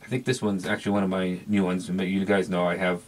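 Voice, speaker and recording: Talking fast in a low voice with little pitch movement, a middle-aged man reviews a product as a vintage electronics collector. His unscripted take is casual and hesitant, full of rambling and repeated words for emphasis, over a slight hiss or hum.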